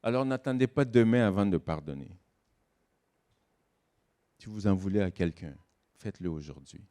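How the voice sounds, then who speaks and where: A man preaches a sermon to an online congregation. His delivery rises into slow, stressed phrases and then falls away into quiet, low remarks. He is mid-pitched and speaks in a measured way. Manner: dynamic preaching, swings from loud emphasis to soft low asides. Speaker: guest pastor. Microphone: online church service recording.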